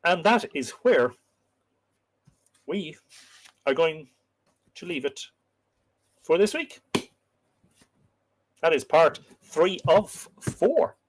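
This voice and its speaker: A man's voice: on the high side, animated, extremely slow, pauses often. A man with an Irish accent and a lilting storyteller's delivery, hosting a casual live stream and chatting through viewer comments. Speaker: host and storyteller of a live myths show.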